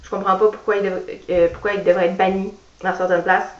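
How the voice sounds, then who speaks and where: Jeune femme bavarde, son lointain et réverbéré. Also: female voice, mid-range voice, level tone, quick pace. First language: French. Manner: chatty, many fillers. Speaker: book vlogger. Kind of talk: casual chat and reading aloud. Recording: roomy, distant, dull sound.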